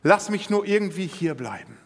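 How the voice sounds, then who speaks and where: Brief: a pastor putting on a broken young man begging to stay, stammering, high voice, echoing hall. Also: very animated, normal speed. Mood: pleading. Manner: pleading, stammering. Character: remorseful starving young son, humbled.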